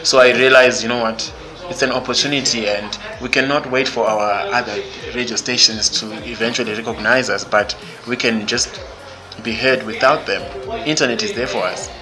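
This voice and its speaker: A young Zimbabwean man appears as a podcast guest, speaking casually and emphatically and not holding back his opinions. His voice is medium-pitched with fairly even intonation at normal speed. The recording is low quality, with music clearly playing underneath.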